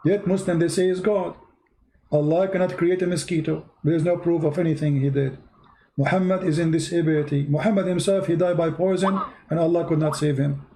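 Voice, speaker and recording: A man hosts a call-in show, pressing the caller with the same questions again and again. His voice sits fairly high but sounds warm and mellow. There is a faint noise floor under the recording. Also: steady tone, fairly quick. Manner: pushy, repeats questions. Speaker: host. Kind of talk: live call-in debate.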